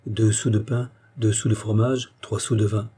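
A man reading the part of a shrewd, brisk male detective in an audiobook. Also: lowish voice, level tone, dark tone, husky. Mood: assured. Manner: brisk and assured.

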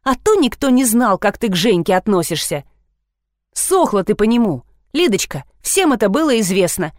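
A woman's voice: medium pitch, sing-song, normal speed, darkish tone, dry recording, studio quality, natural voice. A woman voicing a harsh young woman who speaks in a cold, reproachful manner.

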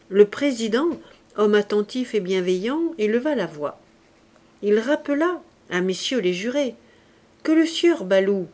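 A woman narrating a classic novel audiobook in a steady, even manner. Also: mid-range voice. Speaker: audiobook reader. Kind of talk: scripted narration.

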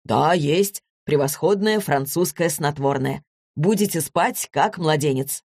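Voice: medium pitch, a little slow, darkish tone, dry recording, studio quality. A reader voicing a self-assured man hosting guests with confident hospitality in an audiobook.

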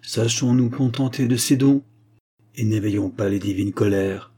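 A man reading aloud, voicing an aging pharaoh who proclaims gravely to his people. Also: lowish voice, moderate pace, dark tone. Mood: solemn. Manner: solemn proclamation. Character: old pharaoh, grave and commanding.

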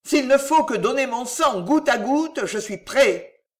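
A reader voicing a scheming old male steward who pleads and swears his devotion in a raised, effusive voice, pitched above the reader's own. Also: very animated, moderate pace, fairly bright tone. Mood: fervent devotion. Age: older.

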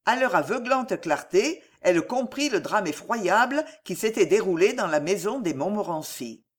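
Expressive French narrator, lively pitch. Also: male voice, moderate pace. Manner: expressive, theatrical reading. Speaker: audiobook narrator. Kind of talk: dramatic literary narration.

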